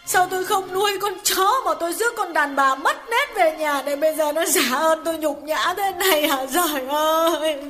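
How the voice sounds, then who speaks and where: A furious young village wife hurls curses and wails in a piercing high, sharp voice. Soft music plays behind her. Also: normal speed, hardly any pauses. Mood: sobbing. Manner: shrill cursing wail. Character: furious betrayed village wife near thirty. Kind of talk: audiobook character voice.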